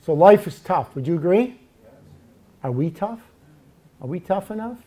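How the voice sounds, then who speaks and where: Emphatic male preacher, slightly high voice. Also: lively intonation, normal speed, mellow, husky. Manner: emphatic, asks rhetorical questions. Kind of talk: sermon.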